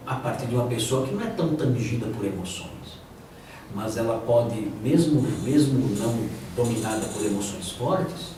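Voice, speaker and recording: A man, a pastor, teaching a theology class in a conversational way, often acting out the voices of the people he quotes. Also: mid-range voice. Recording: echoey room, distant mic, noisy.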